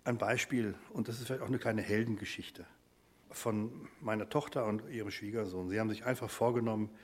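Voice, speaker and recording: A man's voice: on the low side, fairly quick, husky. A middle-aged man preaching a sermon, turning emphatic and then letting his phrases fall away to a near whisper. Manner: lively, emphatic delivery that drops to soft, near-whispered phrase endings.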